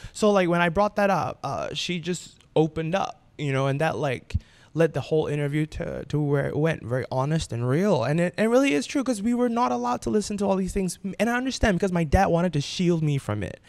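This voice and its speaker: A young man in his late twenties, a podcast guest, tells a personal story candidly, often restarting his sentences. His voice sits a little high with a gravelly edge. The sound is dry and close. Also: expressive, a little fast, dry recording. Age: 20s. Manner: candid, repeats words and restarts when moved.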